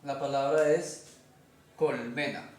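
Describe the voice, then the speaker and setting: Slow, methodical Colombian man teaching. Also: mid-range voice, steady tone. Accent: Colombian Spanish. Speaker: teacher of a constructed language. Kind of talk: explaining a lesson step by step. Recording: echoey room.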